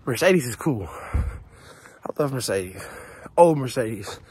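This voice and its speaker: A man's voice: mid-range voice, lively intonation, takes it slowly, darkish tone, slightly rough, dry recording. A young man talking to his camera while running outdoors, out of breath, blunt and swearing, pushing himself along. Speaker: vlogger. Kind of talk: casual running vlog. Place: outdoors on a neighborhood street at dawn.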